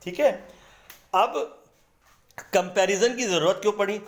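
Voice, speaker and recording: A man teaching English grammar in a patient, explanatory way, repeating words slowly to break them into syllables. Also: sits high, roomy sound. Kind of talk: explanatory lesson in Hindi.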